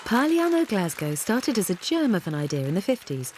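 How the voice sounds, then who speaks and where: A woman's voice: medium pitch, sing-song, brisk, darkish tone, a faint crowd, a little hiss or hum. A woman giving scripted documentary narration.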